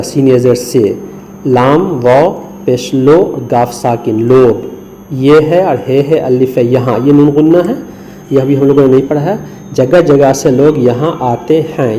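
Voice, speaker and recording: A man from India teaches Urdu script in a screen lesson, patiently spelling letters out syllable by syllable and mixing English words into his explanations. His voice is mid-range and dark, and the low-quality recording carries a little hiss or hum.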